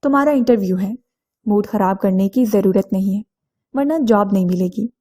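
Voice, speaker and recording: A woman voicing a blunt, self-assured young wealthy man who speaks calmly and matter-of-factly. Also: mid-range voice, natural voice.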